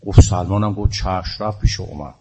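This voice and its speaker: A man's voice: sits low, heavy background noise. A male preacher telling a religious story in a sermon, shifting into impassioned appeals.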